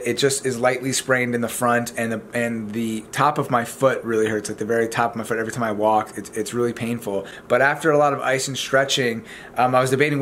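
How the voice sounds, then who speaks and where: A young man talks to the camera in an informal, chatty vlog style. His voice has a medium pitch, and he explains things casually from a living room, with noticeable background noise. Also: fairly bright tone. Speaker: vlogger. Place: indoors in a home living room.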